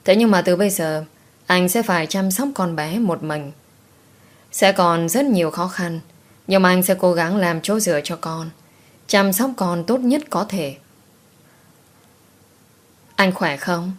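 A woman narrating a romance audiobook in a calm, steady, measured reading. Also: lowish voice.

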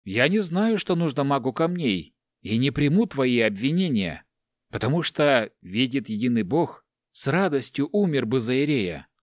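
A man's voice: medium pitch, sing-song, moderate pace, no room sound, studio quality, natural voice. A man voicing a timid, bookish young monk who speaks in an anxious, prim and defensive way in an audiobook.

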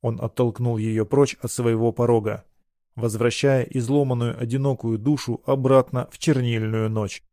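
A man's voice: mid-range voice, steady tone, mellow, no echo. Man narrating a folk tale, dry close sound. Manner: measured storytelling. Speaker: audiobook reader. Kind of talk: scripted narration.

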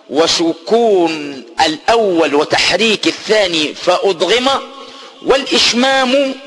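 A man with an Egyptian accent leads a religious lesson on recitation. His voice sits fairly high for a man, and he explains step by step with patience. When he reaches a verse he slows down and chants it. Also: a bit bright, husky. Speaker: Quran teacher.

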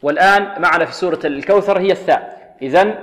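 A man teaching Quran recitation rules, drilling letters slowly and asking rhetorical questions. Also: high-pitched, a bit bright, big-room sound. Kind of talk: tajweed lesson with call-and-repeat drills.

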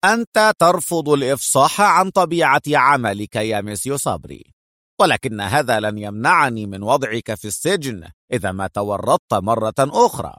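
A man's voice: mid-range voice, expressive, normal speed, sharp tone, dry recording, clean studio sound. A man voicing a stern, suspicious male police inspector in an audiobook, speaking firmly and reproachfully. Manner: firm, reproachful.

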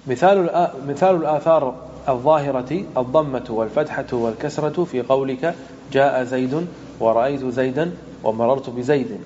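A man, a sheikh, teaches a grammar lesson in a room with his students, pausing to ask the class questions and then answering them himself. His voice sits at an ordinary middle pitch. The recording is dull and lo-fi, with a faint hiss underneath. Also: mellow. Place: lecture room with students present.

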